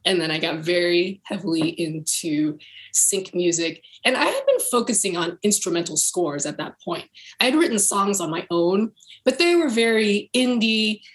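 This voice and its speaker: A woman, a music producer, telling her story in a relaxed, casual podcast chat. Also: fairly low pitch, normal speed, rough recording.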